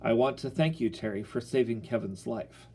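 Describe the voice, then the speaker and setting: A man voicing a gruff father who talks sternly. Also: medium pitch, normal speed, darkish tone, a little hiss or hum, close to an everyday voice. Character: gruff father, stern but secretly amused.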